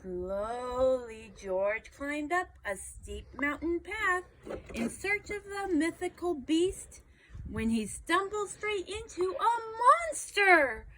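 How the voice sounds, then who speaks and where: Expressive woman reading a picture book. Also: high voice, a little hiss or hum, poor audio. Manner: expressive, unhurried. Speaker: storybook reader. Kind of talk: children's picture book read-aloud.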